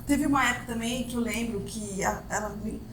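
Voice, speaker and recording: A woman's voice: fairly high pitch, a little fast, a bit bright. A Brazilian woman co-hosting a casual podcast, thinking aloud and asking follow-up questions. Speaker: podcast co-host. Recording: roomy room with faint background noise.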